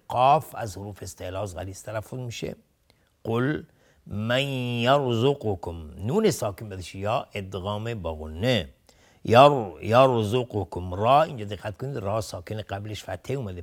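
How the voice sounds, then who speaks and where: Steady, patient male recitation teacher. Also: lowish voice. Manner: recites phrases slowly, then explains rules in plain steady speech; repeats words to drill pronunciation. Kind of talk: TV lesson explaining recitation rules.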